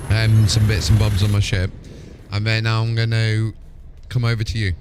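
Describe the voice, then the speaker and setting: The host of a gaming livestream speaks in a lowish, darkish, monotone voice at a moderate pace, rambling casually and informally. Music plays underneath him.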